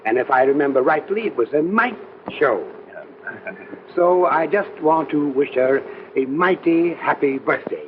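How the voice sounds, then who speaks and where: A man playing a folksy older small-town mayor in an old film, speaking in a halting, repetitive ramble. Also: on the high side, animated. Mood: folksy, rambling. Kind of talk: old film drama acting. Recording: tinny, faintly noisy old film soundtrack.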